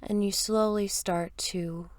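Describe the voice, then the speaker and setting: Her mid-range voice holds a steady tone as this meditation teacher leads a guided session, soft, gentle and soothing, occasionally breathy. She speaks in unhurried phrases with long pauses, and there's no echo.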